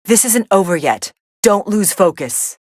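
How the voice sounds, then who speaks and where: An actress playing a cool, sardonic young female android, commentating on fights in a video game with a deadpan, dismissive delivery. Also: medium pitch, a little slow, no echo, studio quality. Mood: dry, unimpressed.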